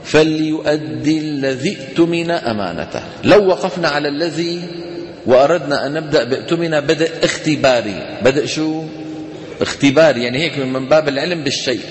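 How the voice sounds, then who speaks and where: This Quran recitation teacher is a man with a slightly high voice and a Levantine Arabic accent. Leading a tajweed lesson in a hall with echo, he speaks casually, asks rhetorical questions, and slowly chants Quranic examples.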